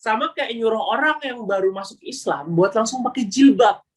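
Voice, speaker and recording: A man's voice: high voice, moderate pace, breathy edge. Young man chatting in slang. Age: young adult. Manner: slangy, animated, acts out quoted voices. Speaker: webinar speaker. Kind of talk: casual storytelling talk.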